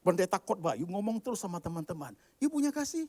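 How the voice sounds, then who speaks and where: A male pastor delivering a live sermon, swinging from quiet asides to loud, emphatic declarations and slipping English words into casual speech. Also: high voice, big pitch swings, quick pace.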